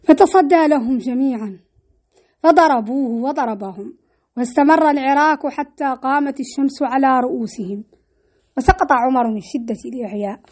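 A woman with a high voice narrates a historical tale. Her reading is expressive and dramatic, with emphasis that rises and falls across the story. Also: moderate pace.

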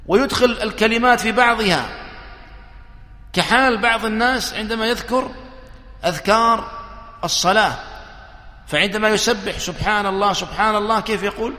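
High bright preacher in an echoey hall. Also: male voice. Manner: slow, emphatic, counting points one by one. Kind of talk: religious sermon. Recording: echoey hall with long reverb.

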